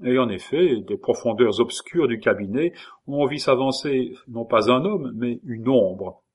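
A man reading a novel aloud in a measured storytelling manner. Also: medium pitch, expressive, a little mellow. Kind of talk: audiobook reading.

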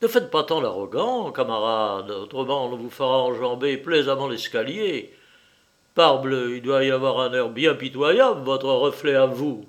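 A man reading an audiobook, voicing a tall, pale, melancholy man who speaks gravely and earnestly. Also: mid-range voice, lively intonation, moderate pace, natural voice. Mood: threatening. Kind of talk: audiobook character voice.

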